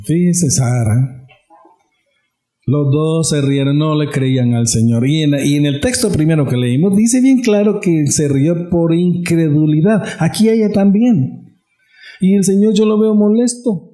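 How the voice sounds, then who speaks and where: A man's voice: on the high side, a little slow, warm tone, roomy sound. A male pastor preaching a sermon, emphatic and repetitive, addressing the congregation directly.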